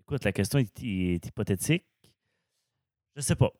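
A man, answering on a panel in a hesitant, low-key way. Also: animated, moderate pace, dark tone, no echo, clean studio sound. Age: early 30s. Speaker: panel guest.

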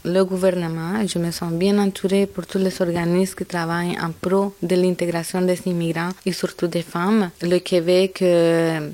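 A woman's voice: on the low side, flat delivery, moderate pace, hardly any pauses, warm tone. A woman from Colombia with a marked Latin American Spanish accent, a native Spanish speaker answering interview questions earnestly, with frequent hesitations.

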